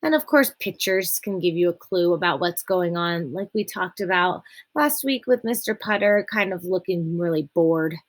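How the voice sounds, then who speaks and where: A young adult woman teacher giving a remote reading lesson to children, explaining slowly and clearly and reading aloud with expression. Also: on the low side, animated.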